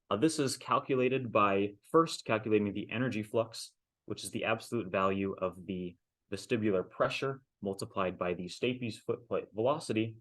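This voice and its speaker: A man in his twenties giving an academic technical presentation as a student, speaking carefully and hesitantly with frequent ums and pauses. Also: lowish voice. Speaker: master's student presenting a thesis defense.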